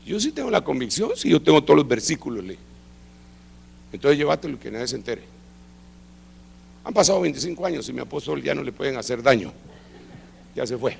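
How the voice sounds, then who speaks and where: A middle-aged man preaching, telling a testimony with lively acted-out dialogue. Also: medium pitch, a little fast, creaky, pauses often, husky. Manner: animated storytelling, acting out quoted dialogue. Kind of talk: sermon testimony. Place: church service.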